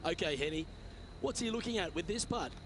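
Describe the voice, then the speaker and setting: A man playing a composed golf commentator in a video game, calling play in a polished, measured broadcast style. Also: sits high, animated, background noise. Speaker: golf commentator, lead anchor.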